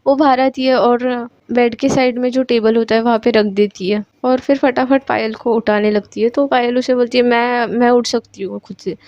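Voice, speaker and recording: A woman's voice: on the high side, steady tone, normal speed, hardly any pauses, a little mellow, dry recording, highs cut off. A woman casually narrating a romantic story, chatty and mixing in English words, correcting herself as she goes.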